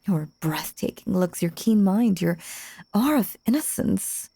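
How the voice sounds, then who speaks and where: A woman plays a sinister, possessive stage magician in a dramatic audio roleplay, using an exaggerated, theatrical delivery that is breathy, coaxing and full of syrupy menace. Her voice is medium-pitched and mellow, with no room sound.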